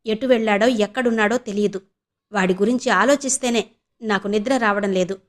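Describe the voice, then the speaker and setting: A woman's voice: mid-range voice, a little fast, natural voice. A woman voicing an angry middle-aged wife who scolds bluntly in an audio novel. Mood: indignant. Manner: indignant, scolding.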